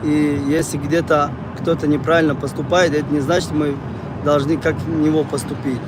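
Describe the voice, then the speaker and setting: This man from Tajikistan speaks at a normal pace in a slightly high, flat voice while chatting aimlessly with livestream viewers. He repeats himself conversationally over noisy street or car sounds.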